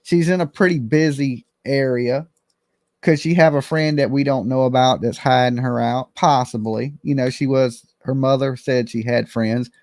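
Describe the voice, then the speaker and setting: A man's voice: medium pitch, steady tone, normal speed, a little mellow. A middle-aged man hosts a live call-in show in a mid-range voice. He comments and chats casually in plain, colloquial language, recorded dry without room echo.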